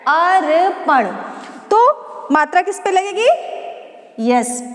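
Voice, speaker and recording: A woman teaching young children, asking questions and answering them herself while she sounds out each syllable slowly. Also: very high-pitched, big pitch swings, a bit bright. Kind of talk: classroom lesson for children. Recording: echoey room with long reverb.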